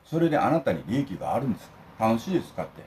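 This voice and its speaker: Older guy ranting at the camera over lunch, really fired up, pitch jumping all over. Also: big pitch swings, very fast, darkish tone, slight background noise. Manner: indignant, emphatic, lecturing the viewers. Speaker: vlogger. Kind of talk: ranting while eating lunch.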